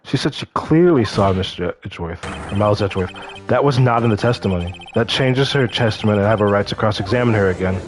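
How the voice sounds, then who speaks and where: A man's voice: fairly low pitch, quick pace, noisy background. A man playing through a story game, reading the lead character's lines and adding casual asides. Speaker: streamer. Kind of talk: game playthrough with voiced reading.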